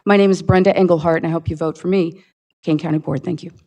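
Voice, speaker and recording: A woman's voice: lowish voice, steady tone, dark tone. Earnest retired teacher woman giving a campaign statement. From Indiana, USA. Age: older. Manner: earnest, halting with fillers and restarts. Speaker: county board candidate. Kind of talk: prepared campaign statement at a public forum. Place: public forum hall.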